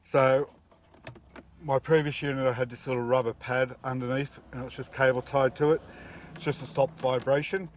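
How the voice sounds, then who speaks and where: With a slight hiss or hum behind him, a middle-aged man speaks at a moderate pace in a level, mid-range voice. As a DIY presenter, he takes a practical, plain-spoken approach to a job, stepping through it at a car's engine bay outdoors and inside the cab.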